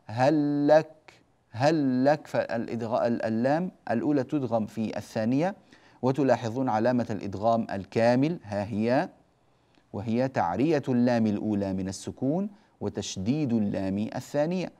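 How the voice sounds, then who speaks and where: A man teaching Quran recitation rules, slowly repeating each example phrase and writing on a board. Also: medium pitch, warm tone. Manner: slow, repeats example phrases several times; writes on a board while teaching. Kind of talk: lecture on tajweed rules.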